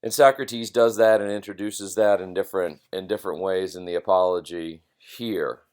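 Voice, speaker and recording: A man giving an informal philosophy lecture in a halting, reflective way, repeating phrases for emphasis. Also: low voice, darkish tone.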